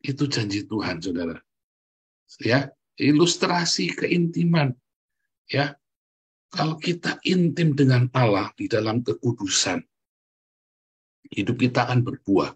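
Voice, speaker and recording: Husky-voiced male pastor. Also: mid-range voice, very animated, measured pace, pauses often. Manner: emphatic, keeps addressing the congregation as "Saudara". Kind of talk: sermon.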